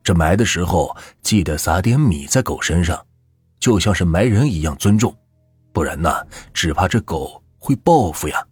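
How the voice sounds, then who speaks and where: A wise old village ceremony master from a spoken ghost story, grave and unhurried, as a man acts him out. The voice is deep and very husky, with a lively rise and fall. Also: no room sound, faint music behind, full character voice. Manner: solemn, slow, advising.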